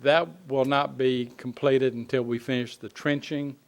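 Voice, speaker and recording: A man giving an informal spoken report at a city council meeting, pausing often on fillers and restarting phrases. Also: mid-range voice, flat delivery. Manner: halting, frequent uh fillers and restarts. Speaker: city staff presenting a construction update to council.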